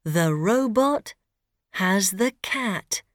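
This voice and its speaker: A woman narrating a storybook for learners, very slow, clear and expressive. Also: mid-range voice, no room sound, clean studio sound.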